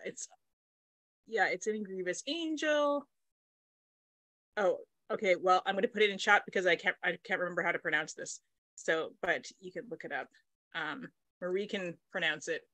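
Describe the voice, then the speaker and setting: The speaker, a middle-aged Manitoba woman and author guest, talks casually over a video call from her home study using her laptop's webcam mic. Her voice is medium in pitch with a sharp tone, unhurried and often pausing, with no echo. She thinks out loud, with many fillers and restarts.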